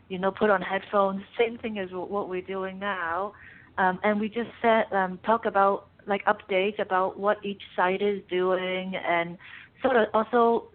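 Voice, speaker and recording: Woman on a bad call connection. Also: mid-range voice. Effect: bad, dropping call connection. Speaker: guest, art space director. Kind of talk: casual interview over a video call. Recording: tinny, phone-like video call line.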